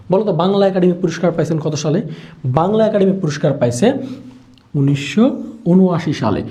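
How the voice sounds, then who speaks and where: A man's voice: high-pitched, warm tone. A man from Bangladesh, teaching a live online exam-prep lesson and repeating questions to drill answers. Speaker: Bangla teacher for admission exams.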